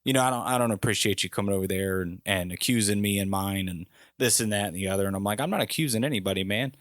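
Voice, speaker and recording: A man's voice: low-pitched, quick pace, dry recording, clean studio sound. A man co-hosting a podcast, telling a story in casual chat and acting out the people in it with a raised voice. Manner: animated storyteller, raising his voice when quoting people. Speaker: podcast co-host.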